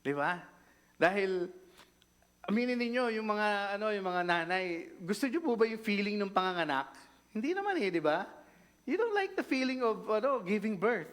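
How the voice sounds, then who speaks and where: A man's voice: high-pitched, very animated, moderate pace, fairly bright tone. Man preaching a casual sermon. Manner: casual, conversational, mixing Tagalog and English, frequent tag questions.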